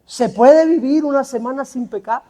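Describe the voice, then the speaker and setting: A man's voice: very high voice, normal speed, dark tone. Preacher doing a little son begging his dad, worried, asks and asks. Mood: pleading. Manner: pleading questions. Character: young son, pleading and worried.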